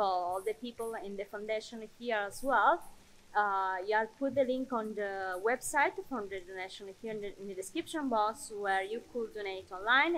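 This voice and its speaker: A young woman travel vlogger chats casually to the camera in a medium-pitched, slightly bright voice, using lots of fillers and restarts. The audio quality is poor.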